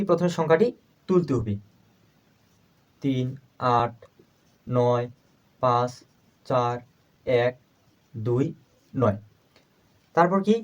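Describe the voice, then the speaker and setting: A man teaching a primary school math lesson, asking questions and answering them himself, repeating each number slowly as he writes. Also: fairly high pitch, lo-fi sound. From Bangladesh.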